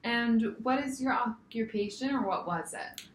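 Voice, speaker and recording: A woman's voice: on the high side, expressive, measured pace. A young woman interviewing a patient in a mock nurse intake, working through checklist questions and answering with a repeated "very nice". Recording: echoey room, faint noise.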